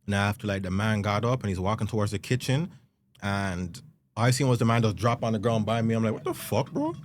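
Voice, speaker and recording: A man with a fairly low voice tells a story in a loose, casual way, acting out every quote. He drops into slang and swears often. A little background noise sits behind him. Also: fast. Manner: animated, acts out quotes, swears freely. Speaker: guest musician.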